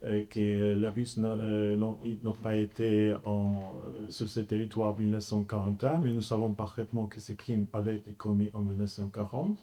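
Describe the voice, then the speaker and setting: A man speaks French as a foreign language, with a Polish accent. He talks as a researcher on a panel, in a halting, careful way, searching for his words. His voice is soft-edged and mellow. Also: medium pitch. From Poland. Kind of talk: panel talk, expert explanation.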